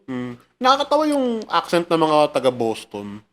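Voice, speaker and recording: A man's voice: on the high side, huge pitch swings, moderate pace, fairly bright tone. A man from the Philippines co-hosting a podcast, joking and swearing in casual banter. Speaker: podcast co-host. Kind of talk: casual chat.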